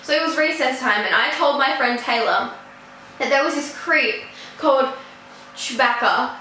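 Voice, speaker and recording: A teenage girl telling a casual storytime vlog in a chatty, animated way, swearing now and then. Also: high-pitched, moderate pace, a little hiss or hum. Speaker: vlogger. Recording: echoey room.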